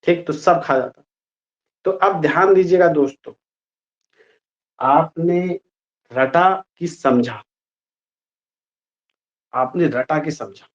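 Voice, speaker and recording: A man teaching a grammar lesson to a class in a lively, playful way, often asking the students questions. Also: takes it slowly, long pauses. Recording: muffled low-fidelity sound.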